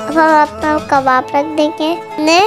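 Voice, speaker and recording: In this voice-over, a young-sounding female cooking host walks through a recipe one step at a time. She speaks in a high voice with a flat, unhurried delivery, and background music runs under her narration.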